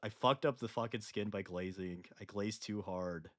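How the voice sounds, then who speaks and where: A man streaming while painting miniatures, chatting casually, joking loudly and laughing often. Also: lowish voice, normal speed, dry recording, clean studio sound. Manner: loud joking outbursts and frequent laughter. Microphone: home streaming mic.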